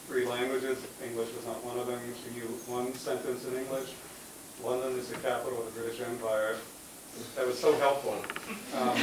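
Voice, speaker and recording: Wry man telling an anecdote in a cavernous room. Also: mid-range voice. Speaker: career panelist, music critic. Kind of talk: panel answer, anecdotal. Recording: distant mic, very roomy echo, clear background noise.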